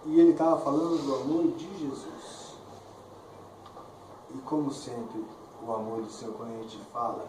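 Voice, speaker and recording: A man's voice: mid-range voice, little pitch movement, moderate pace. A man preaching a conversational sermon, often tagging his sentences with "né?". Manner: conversational preaching, frequent "né?" tags. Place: church hall. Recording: echoey church, far mic, clear background noise.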